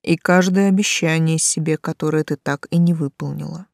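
A woman voicing a calm, stern male angel of death who speaks slowly and levelly, with a mocking edge. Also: deep voice, gravelly, no echo, studio quality.

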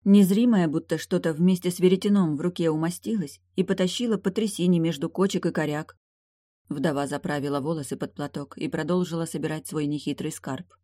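A reader narrating a fantasy audiobook in an even, measured way. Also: medium pitch, no room sound, clean studio sound.

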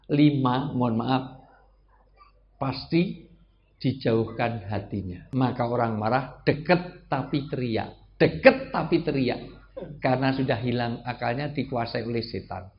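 A middle-aged man giving a humorous religious lecture, joking with his audience and breaking into loud bursts of emphasis. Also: mid-range voice. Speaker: preacher. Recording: dull lo-fi recording with faint background hiss.

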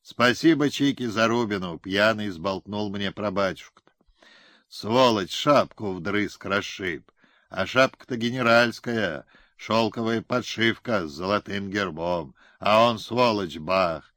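A man's voice: a little slow, fairly bright tone, no echo, clean studio sound. A man voicing a whiny, scheming Cossack colonel who stammers and talks through his nose, in an audiobook. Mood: sour brooding. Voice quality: nasal, whining. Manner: shrill hysterical outbursts. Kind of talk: audiobook character reading.

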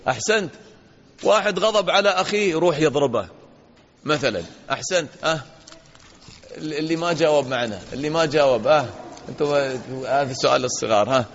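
The sheikh's fairly high voice moves quickly but leaves long pauses, with slight background noise underneath. He engages children in a religious lesson by asking questions, praising replies, and staging little dialogues, all in dull lo-fi audio from a reverberant hall.

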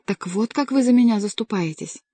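Hysterical raging king, read by a woman, shrill and pitched up, dark dry voice. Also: lively intonation, a little fast, dry recording. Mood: aggrieved. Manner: shrill, overwrought outbursts. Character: hysterical, raging male king, middle-aged.

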